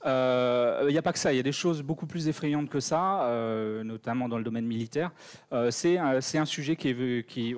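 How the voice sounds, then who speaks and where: A man's voice: medium pitch, a little mellow. Hesitant French man answering audience questions. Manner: hesitant, many fillers and restarts. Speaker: conference speaker. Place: conference hall.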